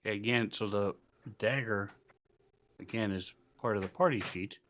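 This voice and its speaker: A man's voice: on the low side, a little slow, fairly bright tone, a little hiss or hum. A man casually talking as game master of a tabletop game, explaining things in a matter-of-fact way.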